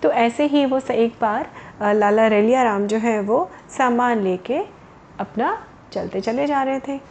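A woman's voice: fairly high pitch, a little mellow, highs cut off, a little hiss or hum. A woman storyteller narrating a tale to children, explaining words as she goes and addressing them directly.

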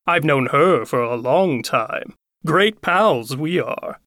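Sly storybook fox, low and oily, slow threats , put on by a woman narrator; dry close sound. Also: expressive, fairly bright tone, no room sound, exaggerated voice. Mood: slick. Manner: slick, slow and sneering. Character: sly smooth-talking male fox, menacing.

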